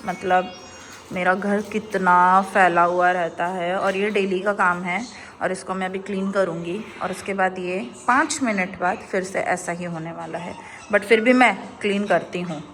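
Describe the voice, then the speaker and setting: A young woman, a mother, chatting casually in a home vlog and coaxing her toddler in a soft sing-song way. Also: fairly low pitch, steady tone, measured pace. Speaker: mother and vlogger. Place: at home indoors.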